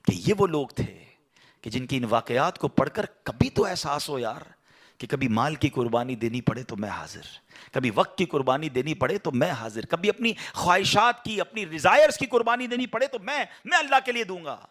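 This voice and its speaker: A man's voice: on the high side, animated, fairly bright tone. A male preacher telling a story in a sermon, emotional and full of rhetorical questions and exclamations.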